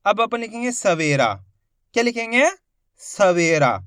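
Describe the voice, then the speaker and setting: A man teaching a Hindi spelling lesson, sounding out each syllable slowly and asking his viewers repeated teaching questions. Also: high-pitched, big pitch swings, a bit bright, dry recording, clean studio sound. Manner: addresses viewers as friends.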